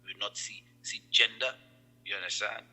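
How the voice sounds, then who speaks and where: A man's voice: lowish voice, normal speed, low-quality recording. A Trinidadian man, a guest on an online chat, talks casually and earnestly about love and staying positive, repeating his phrases. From Trinidad and Tobago. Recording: loud music behind.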